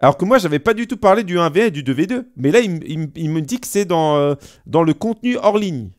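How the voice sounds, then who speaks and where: A man's voice: fairly high pitch, animated, fast, darkish tone, no echo, studio quality. A man hosting a casual panel chat, searching for words with many hesitations. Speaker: host.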